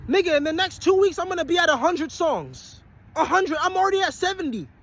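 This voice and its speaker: Extremely high-pitched and sing-song, slightly fast and a bit bright, the voice belongs to a man in his twenties who vlogs and hopes to make it as a musician. After a long shift at work, he gives his viewers a blunt, profane pep talk, driving each point home through constant repetition.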